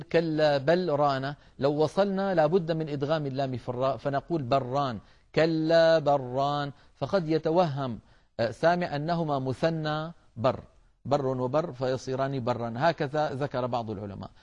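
A man teaching the rules of Quran recitation in a measured, explanatory way, addressing his listeners as brothers. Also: mid-range voice, darkish tone, dull audio. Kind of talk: tajweed lesson.

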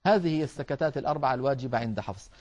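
A man teaching the rules of Quran recitation in a measured, explanatory way, addressing his listeners as brothers. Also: mid-range voice, lively intonation, a little mellow, lo-fi sound. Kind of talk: tajweed lesson.

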